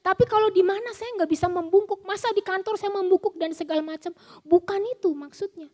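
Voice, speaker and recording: A middle-aged woman, preaching at a prayer meeting, telling a personal story and acting out the voices in it, sometimes dropping to a hush. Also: very high voice, a little fast. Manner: storytelling, acts out quoted voices, drops to a hush.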